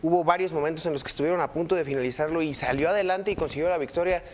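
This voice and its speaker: Mexican man, relaxed fighter talk. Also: on the high side, racing, a little hiss or hum. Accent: Mexican Spanish. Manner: relaxed, reflective, many fillers like "pues". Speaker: interview guest, UFC fighter. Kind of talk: casual interview answers.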